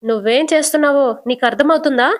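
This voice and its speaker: A woman voicing a stern shouting father. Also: sits high, quick pace, lightly acted. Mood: angry scolding. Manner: shouting, lecturing. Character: stern angry middle-aged father.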